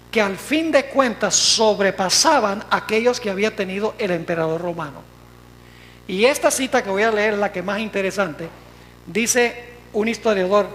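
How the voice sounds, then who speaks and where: A preacher giving a sermon, reading quotations aloud with slow emphasis and asking the congregation questions. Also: mid-range voice, fairly bright tone, low-quality recording. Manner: emphatic, slows down to stress quoted words; asks the audience rhetorical questions. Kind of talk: sermon with read-out quotes.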